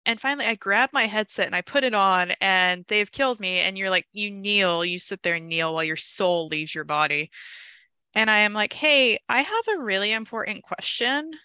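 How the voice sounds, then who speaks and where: A young woman casually telling a long gaming story, animated and laughing as she goes, with frequent fillers. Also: mid-range voice, normal speed, clean tone, dry recording, highs cut off.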